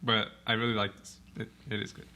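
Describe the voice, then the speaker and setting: A man's voice: fairly low pitch, flat delivery, fast, pushed and bright. A young man co-hosting a podcast in casual chat, laid-back and slangy, laughing often. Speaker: podcast co-host.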